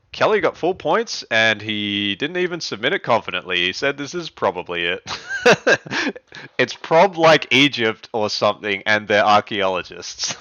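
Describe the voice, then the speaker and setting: A young man hosts a riddle contest live on stream, his voice leaping up and down as he chats and laughs. The tone is bright and forward. It sounds dry and a little dull, like a close home streaming mic. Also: mid-range voice, dry recording. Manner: excitable, chatty, laughs often. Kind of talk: casual live-stream chat.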